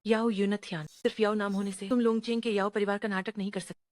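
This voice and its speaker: An actress playing an arrogant company executive who speaks to a job seeker with scorn and condescension. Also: female voice, mid-range voice, flat delivery, fast talker, no echo, natural voice. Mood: haughty scornful. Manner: sneering, condescending. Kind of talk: dubbed short drama.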